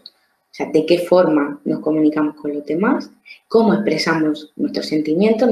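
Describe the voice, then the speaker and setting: A low-voiced woman gives an explanatory lesson. She restarts words and keeps checking that the listener follows. Her voice is soft and mellow, recorded in a roomy, echoing space. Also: a little hiss or hum. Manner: checks understanding with frequent tag questions; stammering repeats of words. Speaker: trainer. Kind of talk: explanatory lecture. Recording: echoey room.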